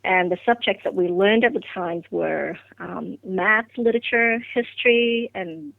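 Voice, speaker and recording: A woman's voice: mid-range voice, measured pace, creaky, dry recording. A middle-aged woman from Vietnam, whose first language is Vietnamese, recalls her path into science in a podcast interview, reflective and full of fillers and restarts. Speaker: guest scientist. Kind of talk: podcast interview, personal story. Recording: dry, phone-like line.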